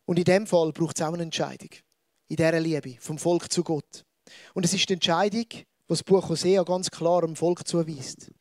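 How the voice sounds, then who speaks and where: A Swiss man with a Swiss German accent preaches in an easy, conversational way, often speaking straight to the listeners. His voice sits high for a man. The sound is dry and close. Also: normal speed, no echo. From Switzerland. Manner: lively, conversational preaching with asides to the audience. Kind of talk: sermon.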